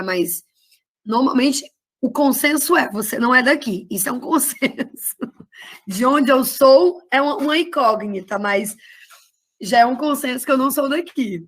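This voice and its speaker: A woman teacher with a Cearense Brazilian accent, explaining a lesson in a chatty, affectionate way to her class. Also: high voice. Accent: Cearense Brazilian Portuguese. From Ceará, Brazil. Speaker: Portuguese teacher. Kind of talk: online class lecture.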